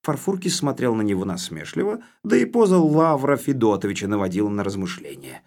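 A man reading an audiobook aloud with lively, expressive storytelling. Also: lowish voice, a little fast. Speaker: audiobook narrator.

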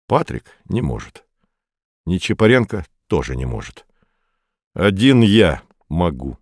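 A man's voice: low-pitched, big pitch swings, a little slow, a little mellow, no echo, studio quality, full character voice. A man voicing a strong young man full of self-doubt, speaking plainly and half to himself in an audiobook. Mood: bitter.

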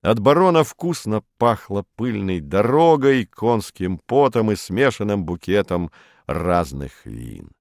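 Measured, expressive male audiobook narrator. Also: fairly low pitch, creaky, no room sound, studio quality.

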